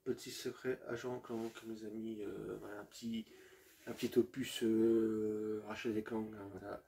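Hesitant, mellow-voiced man. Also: fairly low pitch, little pitch movement, measured pace, vocal fry. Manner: hesitant, many fillers and restarts, addresses viewers as friends. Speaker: video game collector presenting his collection. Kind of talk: casual collection showcase.

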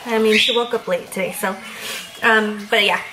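A woman's voice: medium pitch, fairly even intonation, normal speed. A woman in her twenties chatting casually to her vlog camera, two days after having her wisdom teeth out. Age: 20s. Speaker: family vlogger and mother. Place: home kitchen, front yard and parked or moving car. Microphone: camera at arm's length. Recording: clear background noise, household and car hum.

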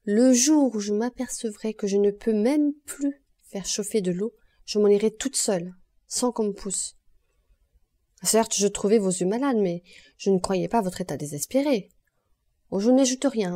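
A woman's voice: mid-range voice, normal speed, dark tone, natural voice. A woman voicing a stern, cold mistress of the house who scolds reproachfully, in an audiobook.

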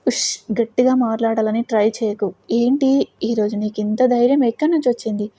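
A woman's voice: on the high side, steady tone, a little fast, warm tone, slightly rough, dry recording. Woman voicing a cold, possessive young husband. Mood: cold, domineering. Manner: cold, commanding.

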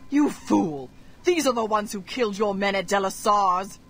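A woman voicing an arrogant, cold female Red Wizard in a fantasy game, speaking in measured threats. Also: mid-range voice, soft background music, natural voice. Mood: commanding. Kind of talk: game voice acting.

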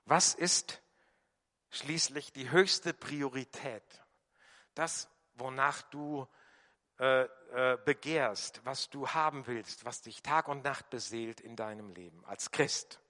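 A man preaching a sermon with emphatic delivery, dropping to a hushed voice when he quotes prayers. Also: medium pitch, takes it slowly. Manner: emphatic, varies loudness, quiet voicing of quoted prayers. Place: church hall. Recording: long church reverb.

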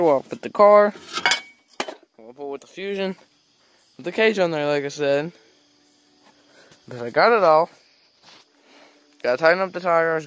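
Young man rambling through a farm vlog. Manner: rambling, talks to the animals in a high baby voice. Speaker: farm vlogger. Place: outdoors on a farm and in an open wooden barn. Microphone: phone camera held at arm's length.

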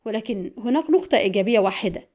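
A woman's voice: medium pitch, lively intonation, racing, darkish tone, natural voice. A woman voicing a male military attaché who speaks urgently and in clipped lines under pressure. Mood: strained.

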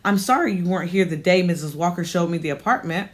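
A soft-spoken young mother, as a woman reads her out in an audiobook, polite and gentle even when rebuffed. Her voice stays close to the reader's own fairly low, even tone. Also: fast, natural voice. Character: gentle, worn single mother trying to stay polite.

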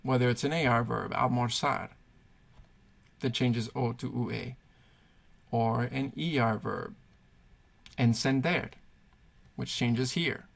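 Slow and creaky, a man's mid-range voice guides viewers through Spanish verb conjugations at the whiteboard, thinking out loud with patience and noting points as he writes.

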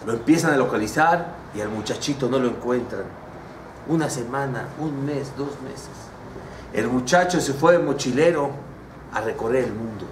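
A man with a Mexican Spanish accent, a rabbi telling a story in a sermon in a dramatic, animated way. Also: medium pitch, moderate pace, distant mic, background noise. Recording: echoey room with faint ambience.

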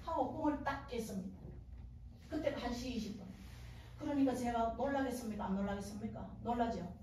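A woman's voice: a little high, fairly quick, warm tone, slight background noise. A middle-aged woman giving a testimony sermon at a revival meeting, telling her story dramatically and acting out dialogue. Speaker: guest speaker at a revival meeting. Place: church sanctuary. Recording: very echoey church hall, distant.

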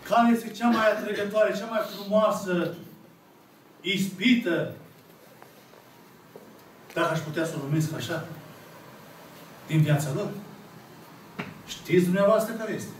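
A Romanian-accented Orthodox priest in his thirties delivers a sermon retelling a parable to a seated congregation, speaking slowly and emphatically, with long dramatic pauses and voicing the characters' words. His voice is high, with slight background noise. A camera at the back of the small church captures him from afar, so the room sounds echoey.

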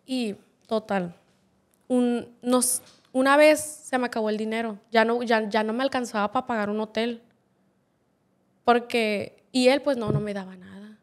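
A woman's voice: fairly high pitch, measured pace. Blunt, foul-mouthed young Mexican woman. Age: 20s. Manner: blunt, swears constantly, slangy. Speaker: podcast guest. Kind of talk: candid personal storytelling.

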